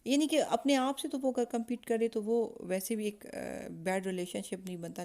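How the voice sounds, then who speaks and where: Woman host, mid-pitched, informal advice talk, hesitant and questioning. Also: creaky, mellow. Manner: conversational, with frequent hesitations and rhetorical questions; acts out parent-child exchanges as examples. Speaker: channel host giving parenting advice. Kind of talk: informal talk on child psychology.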